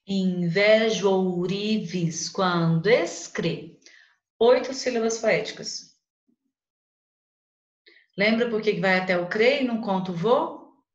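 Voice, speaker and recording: Brazilian lady teaching poetry online, counts syllables super slow, echoey dull audio. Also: on the high side. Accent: Brazilian Portuguese. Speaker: literature teacher. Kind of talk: online class lecture. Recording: dull, roomy sound.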